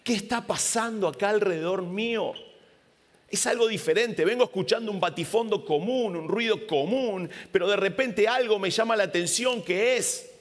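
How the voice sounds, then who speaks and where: A man's voice: high-pitched, moderate pace, pitched above the performer's own voice. A man acting a desperate blind beggar. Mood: urgent. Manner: raised, urgent questioning. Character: blind adult male beggar, desperate and insistent. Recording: long hall reverb.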